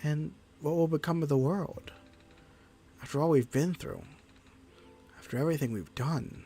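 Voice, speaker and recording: A man voicing a small, earnest child hero from a game, hesitant and wistful, with some rasp. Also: on the high side, normal speed, dark tone, a little hiss or hum, lightly acted. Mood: wistful, uncertain. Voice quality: raspy.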